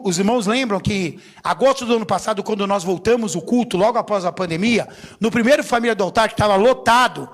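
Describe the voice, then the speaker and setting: A middle-aged bishop and pastor preaches a lively sermon in a church sanctuary, packed with stories and jokes. He is animated and playful, acting out other people's words with big pitch swings, and the recording carries the long reverb of a church hall.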